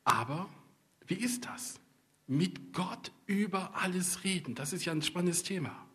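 His voice sits high, husky and a bit bright, moving a little slowly as this middle-aged East Westphalian pastor gives his sermon. He addresses the congregation directly in a conversational tone, telling personal stories with humorous asides.

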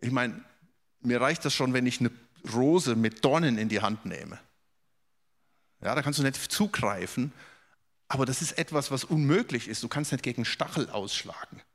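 A man preaching a sermon, earnest and direct, repeating words for emphasis and dropping to a soft voice for quoted questions. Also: mid-range voice, lively intonation, normal speed.

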